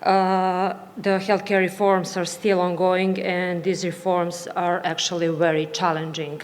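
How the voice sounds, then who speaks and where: This patient advocate, a woman with a Serbian accent, has a low voice with little pitch movement as she presents at a conference. Her non-native English comes out nervous and halting, and the echoey hall she speaks in carries clear background noise.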